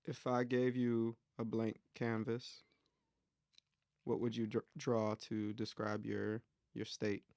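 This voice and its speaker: A man's voice: fairly low pitch, monotone, takes it slowly, a little mellow, no room sound, clean studio sound. A young man hosting a casual interview, easygoing and reflective, laughing often as he asks questions. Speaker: interviewer, host.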